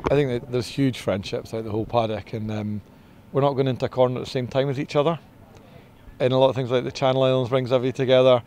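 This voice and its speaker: A middle-aged man, a racing driver, answering interview questions outdoors in a paddock in a relaxed, modest way. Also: mid-range voice, fast, slight background noise. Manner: relaxed and modest, with filler ums. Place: outdoors in a race paddock beside a team truck. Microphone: interviewer's handheld mic.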